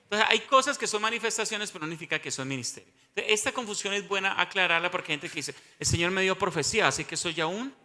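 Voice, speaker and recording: A man's voice: high-pitched, expressive, quick pace, few pauses, pushed and bright, big-room sound. A male pastor, teaching a sermon and often asking the congregation questions.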